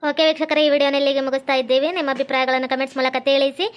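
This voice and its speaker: Brisk high-voiced woman host. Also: little pitch movement. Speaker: skit narrator and host.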